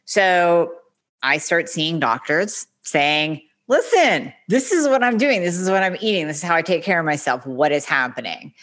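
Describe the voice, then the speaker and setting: A podcast guest in her forties tells her own story candidly during a casual interview, animated and acting out what other people said. She has a fairly low voice and speaks at a moderate pace.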